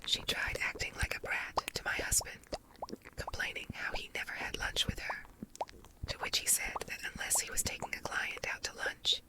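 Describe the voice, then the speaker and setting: A woman reading a story aloud as ASMR in a soft unvoiced whisper, layered into a doubled whisper track. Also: low-quality recording. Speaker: story narrator.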